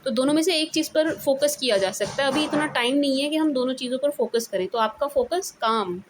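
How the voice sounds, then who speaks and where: A woman's voice: high-pitched, animated, brisk, background noise. Chatty Indian woman reading tarot. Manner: chatty, mixes English into Hindi, repeats "theek hai ji". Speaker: tarot reader. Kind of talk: casual tarot reading monologue.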